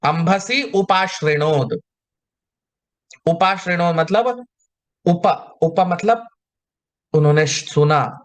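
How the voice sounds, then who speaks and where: A man giving a scripture lecture, chanting verses slowly and then explaining them line by line. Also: high voice. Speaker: spiritual teacher.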